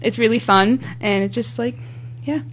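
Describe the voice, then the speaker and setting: A woman's voice: fairly high pitch, moderate pace, slight background noise. A young female cast member answering questions in a giggly way, with lots of "like". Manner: giggly, uses "like". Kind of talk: casual interview.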